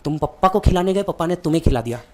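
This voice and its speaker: A man's voice: a little high, animated, very fast, darkish tone, slight background noise. A man giving a motivational speech, telling a dramatic story straight to the listener. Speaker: motivational speaker.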